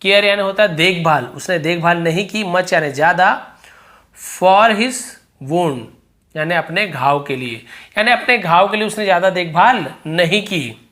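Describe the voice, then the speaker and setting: A teacher reads English story sentences slowly, then explains them word by word in a chatty, repetitive way. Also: mid-range voice, pushed and bright. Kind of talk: line-by-line translation lesson.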